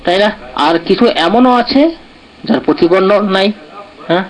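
Patiently explaining pronunciation, a Quran recitation teacher breaks each letter into slow, careful syllables. His high-pitched, slightly raised voice repeatedly asks "right?" to make sure the class understands, heard through a rough recording.

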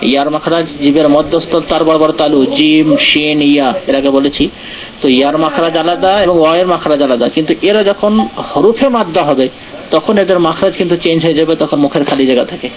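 A man's voice: on the high side, fast. A man teaching Quran recitation in an online class, explaining patiently and checking in with his students often. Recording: muffled online call audio.

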